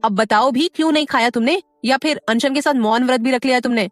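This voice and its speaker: A woman's voice: high voice, a little fast, dry recording, faint music behind, pitched above the performer's own voice, natural voice. A woman voicing a short-tempered young man who scolds out of worry. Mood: scolding. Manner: scolding, exasperated.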